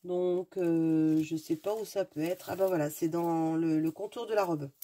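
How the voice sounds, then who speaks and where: Her voice sits lowish with a dark tone, fairly even intonation and normal speed. Stuffy-nosed and sniffling, this craft video host chats casually and eagerly while unboxing, frequently groping for the right word.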